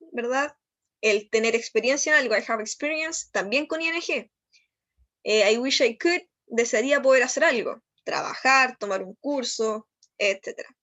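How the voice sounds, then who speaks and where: Chilean woman, English teacher, high voice, keeps asking "¿ya?" as she explains, slows down on the English examples. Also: a bit bright. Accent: Chilean Spanish. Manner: explanatory, frequent "¿ya?" checks. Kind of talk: recorded online lesson.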